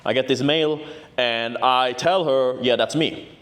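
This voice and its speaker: A man's voice: medium pitch, unhurried, a bit bright. A man, telling a story to camera in a brash, boastful, profane way, often tagging "right?" onto his sentences. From Norway. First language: Norwegian. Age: 20s. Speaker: vlogger. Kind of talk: casual storytelling vlog.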